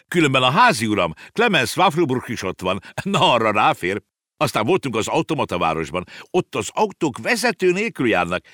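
A man's voice: fairly low pitch, fairly bright tone, dry recording, studio quality, pitched above the performer's own voice. A man voicing a jovial, eccentric middle-aged uncle who is a pharmacist, boisterous and teasing in a storybook reading.

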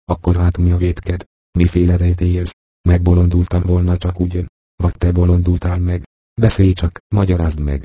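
A man's voice: low-pitched, monotone, mellow, dry recording. A man doing a bewildered, kindly boy king. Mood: commanding. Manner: puzzled questioning, then generous decrees.

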